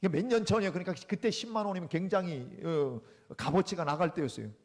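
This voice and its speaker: A man, a pastor, preaching a Sunday sermon in church and telling an anecdote with animated storytelling, acting out the people in it. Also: sits high, quick pace. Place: church sanctuary.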